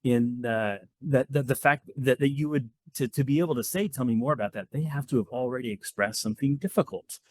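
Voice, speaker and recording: A man's voice: medium pitch, a little fast, hardly any pauses, no room sound. Earnest guy explaining stuff on a podcast, mid voice, dry close sound. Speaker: guest speaker, debriefer of fieldworkers. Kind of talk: conversational podcast interview.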